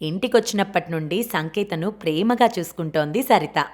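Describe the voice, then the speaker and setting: A woman narrating a novel aloud for an audiobook in a steady, clear storytelling manner. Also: on the low side, moderate pace.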